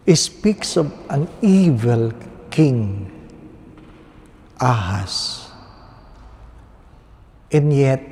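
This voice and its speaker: A man with a Filipino accent speaking as a priest at Mass, solemn and deliberate, pausing between short phrases in a church with cathedral echo. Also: medium pitch, mellow. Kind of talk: solemn scripture reading and homily. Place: inside a large reverberant church.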